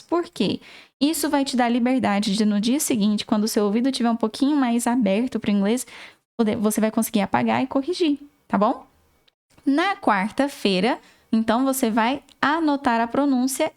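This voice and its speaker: A woman's voice: a little high, darkish tone. A woman with a Brazilian Portuguese accent, an English teacher giving an online lesson in an encouraging, instructive way. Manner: encouraging, instructive, repeats points to the viewer.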